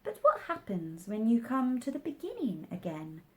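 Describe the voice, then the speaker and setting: A woman's voice: fairly high pitch, wildly swooping pitch, moderate pace, darkish tone, pitched above the performer's own voice. A woman voicing a curious, polite young girl in a children's storybook, prim and questioning.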